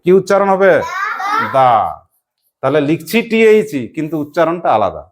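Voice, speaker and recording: A teacher giving a classroom lesson, quizzing pupils with repeated questions and briskly praising correct answers. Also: mid-range voice, sing-song, darkish tone.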